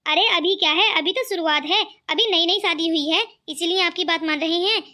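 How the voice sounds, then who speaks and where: A woman's voice: extremely high pitch, brisk, bright, forceful tone. A woman voicing a sly, clever young married woman who makes mocking asides.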